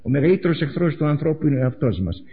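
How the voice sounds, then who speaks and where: A man preaching a sermon with a dramatic delivery, repeating phrases and swinging between loud outbursts and hushed asides. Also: a little high, sing-song, slight background noise. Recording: echoey hall, dull lo-fi recording.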